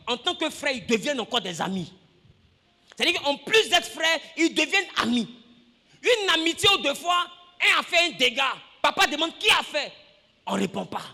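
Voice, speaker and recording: High, bright-voiced animated man preaching. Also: in a large hall. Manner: animated, acts out scenes, shouts and laughs with the congregation. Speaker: pastor. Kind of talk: lively sermon.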